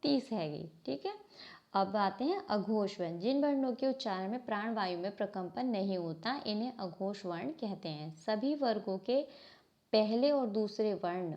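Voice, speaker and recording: An animated woman with a medium-pitched, somewhat mellow voice teaches Hindi grammar at a moderate pace, working from a book in a classroom. She answers the questions she asks and often pauses to correct herself. The recording has a slightly dull, lo-fi quality.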